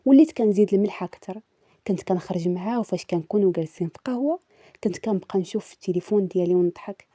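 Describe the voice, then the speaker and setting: A woman's voice: medium pitch, racing, dark tone, husky, dry recording. A woman with a Moroccan accent narrating a first-person confession story in a dramatic, brooding way.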